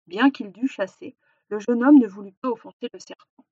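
A woman reading a storybook aloud with expressive narration that slows for effect. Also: a little high, breathy edge, no echo. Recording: dull, dry recording.

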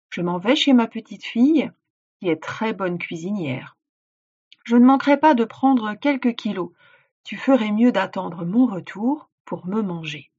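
Woman voicing a clever old grandmother, dry, matter-of-fact, husky, lo-fi storybook reading. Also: mid-range voice, darkish tone. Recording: dull lo-fi recording.

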